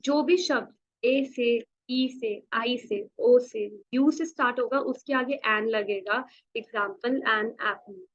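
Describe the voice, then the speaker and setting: A woman teacher with an Indian accent giving a beginners' spoken English lecture in a classroom, explaining slowly and repeating words back to the class. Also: fairly high pitch, highs cut off. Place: classroom with a blackboard.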